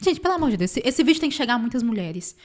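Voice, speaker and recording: A woman's voice: fairly high pitch, sing-song, rapid-fire. A woman host commenting on birth care, speaking emphatically and addressing viewers directly. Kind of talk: explanatory commentary.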